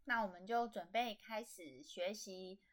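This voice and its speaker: Woman host, Taiwanese Mandarin accent, relaxed teaching delivery with slow repeated demo sounds. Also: mid-range voice. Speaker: podcast host teaching language. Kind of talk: casual spoken lesson.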